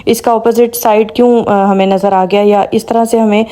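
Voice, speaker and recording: A woman vlogger talks straight to her audience in an easy, chatty commentary. Her voice is mellow and warm, sitting at an ordinary middle pitch. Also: little pitch movement. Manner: chatty, addresses viewers directly. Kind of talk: casual commentary to viewers.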